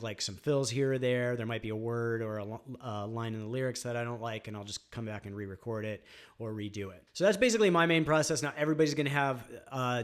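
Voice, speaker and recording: A man teaching songwriting on guitar in a casual, rambling way, with frequent fillers. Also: medium pitch. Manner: relaxed, rambling, many fillers like "um" and "like". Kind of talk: casual instructional talk.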